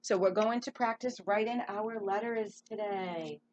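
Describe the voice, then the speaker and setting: A woman teacher leads young children through reading sentences and skywriting letters. She speaks slowly and clearly at a middle pitch, drawing out each word. Her tone stays encouraging throughout the video lesson. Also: darkish tone, lo-fi sound, slight background noise. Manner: slow, clear, encouraging, drawn-out words.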